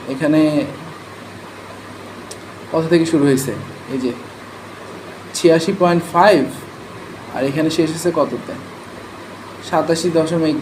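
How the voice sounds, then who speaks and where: High-voiced man teaching transcription. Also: a little hiss or hum, rough recording. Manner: conversational, checks in often with rhetorical questions. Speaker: transcription trainer. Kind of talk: explaining rules to a class.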